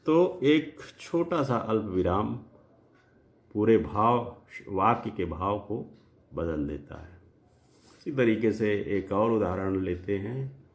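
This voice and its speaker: Male teacher, slow deliberate lecture delivery, gravelly low voice, talks straight to the class. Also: expressive. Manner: slow, deliberate, spells out examples word by word; addresses viewers directly. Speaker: Hindi grammar teacher.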